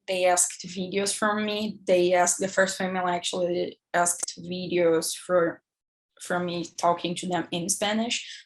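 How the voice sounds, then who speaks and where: Earnest Brazilian woman, gravelly edge. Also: lowish voice. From southern Brazil. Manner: earnest, slightly halting, non-native phrasing. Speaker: egg donor panelist. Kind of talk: personal account on a panel.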